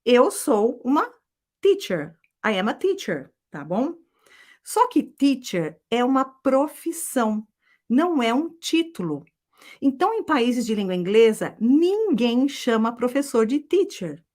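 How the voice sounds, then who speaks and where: A middle-aged woman, teaching a live online English lesson in a lively, chatty way. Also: a little high, slow pace. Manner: lively, chatty, often adds "tá?".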